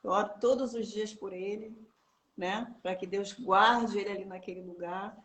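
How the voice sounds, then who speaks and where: A woman's voice: mid-range voice, steady tone, moderate pace, a bit bright, echoey room, slight background noise. A woman speaking as a guest in a casual live conversation. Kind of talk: casual testimony chat.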